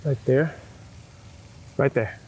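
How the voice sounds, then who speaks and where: Directing portrait subjects on a city street, a male photographer keeps up casual, encouraging chat and repeats brief posing cues. He has a medium-pitched, slightly mellow voice and takes his time. Traffic and street ambience fill the background.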